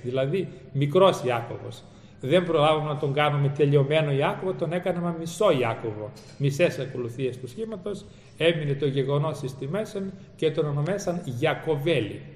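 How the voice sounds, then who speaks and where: A man's voice: mid-range voice, darkish tone, a little hiss or hum. A man preaching and retelling a story dramatically, using formal church phrasing. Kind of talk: sermon storytelling. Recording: echoey hall with faint ambience.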